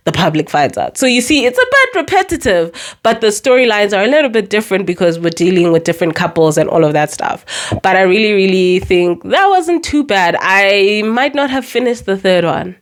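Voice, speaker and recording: A woman's voice: mid-range voice, animated, moderate pace. A young woman talking casually about books she has read, chatty and emphatic, with sarcastic asides and words repeated for stress. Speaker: book reviewer. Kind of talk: casual book review vlog.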